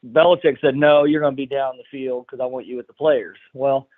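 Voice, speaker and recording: Male caller from Iowa, mid pitch, easygoing, phone-quality audio. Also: fairly even intonation, fairly quick. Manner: casual, hesitant with fillers. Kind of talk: call-in chat. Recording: tinny phone line.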